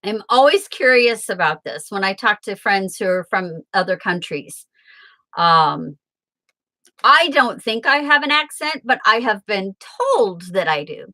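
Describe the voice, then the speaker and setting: Hosting a tarot livestream from Southern Illinois, USA, she chats casually and reads viewer comments out loud. Her mid-range voice has lively intonation, a little slow, pushed and bright.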